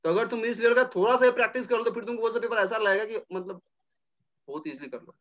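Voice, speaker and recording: A man with a high, bright voice teaches a chemistry class in a relaxed, coaxing way. He walks students through each calculation and repeats the numbers as he goes. The audio is dull and lo-fi. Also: quick pace. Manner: casual, coaxing, repeats numbers while working problems. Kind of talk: informal chemistry lecture.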